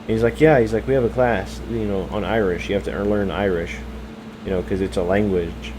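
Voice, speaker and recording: A man's voice: low-pitched, steady tone, brisk, noisy background. A young American man chatting casually on a live game stream, rambling and hesitant with many fillers and self-corrections. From United States.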